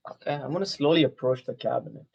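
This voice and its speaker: A tabletop game player improvising casually, narrating their own actions in a hesitant, gently coaxing way. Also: medium pitch, fast, gravelly, husky, highs cut off.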